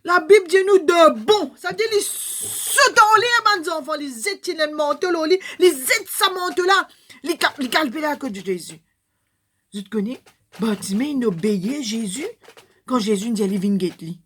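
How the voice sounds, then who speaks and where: An older woman with a Mauritian Creole accent, telling a Bible story to children, animated, dropping to hushed whispery asides and rising to loud calls. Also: sits high, moderate pace.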